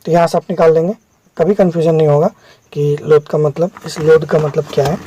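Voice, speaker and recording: A man's voice: a little high, flat delivery, a little fast, mellow, slight background noise. A man teaching English vocabulary over slides, explaining step by step and checking in with viewers.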